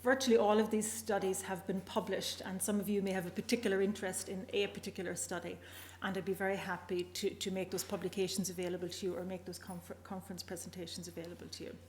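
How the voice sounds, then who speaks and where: A woman's voice: medium pitch, flat delivery, quick pace, darkish tone. Northern Irish woman lecturing in an echoey room. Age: middle-aged or older. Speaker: academic researcher. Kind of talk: conference lecture. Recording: echoey room with background noise.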